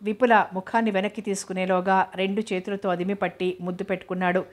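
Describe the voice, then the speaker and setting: A woman reading a novel aloud as narrator in a steady, even way. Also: mid-range voice, fast.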